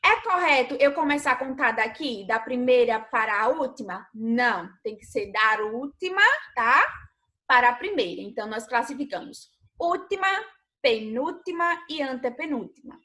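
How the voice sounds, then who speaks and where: High-voiced Brazilian woman teaching. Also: sharp tone. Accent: Brazilian Portuguese. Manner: patient, stretches key words, asks pupils questions. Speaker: primary school teacher. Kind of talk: recorded remote lesson.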